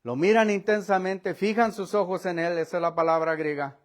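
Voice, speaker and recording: A high-voiced man preaching a sermon. He swings from quiet, low asides to loud, raised lines and acts out the voices of the people in the story. He laughs between points and keeps calling his listeners brother. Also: steady tone, a little fast. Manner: preaching with dramatic shifts in pitch and volume, acting out voices. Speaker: pastor. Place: church.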